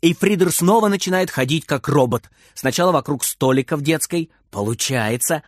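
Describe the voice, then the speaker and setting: A man narrating a children's story aloud, lively and expressive. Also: on the high side, moderate pace, no room sound, clean studio sound. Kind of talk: storybook reading.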